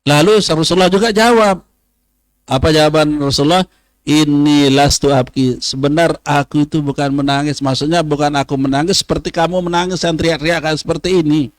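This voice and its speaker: A religious teacher leads a study session. This man's voice sits a little high and is recorded dry and close. He says Arabic phrases slowly, then explains them at length. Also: fairly even intonation, no room sound. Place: pesantren study hall.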